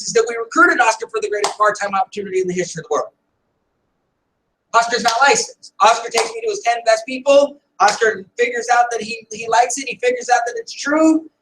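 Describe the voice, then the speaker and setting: A man giving a motivational sales training talk, telling stories with lots of energy and often shouting. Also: very high voice, expressive, fairly quick, a little hiss or hum. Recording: echoey room, voice from far off.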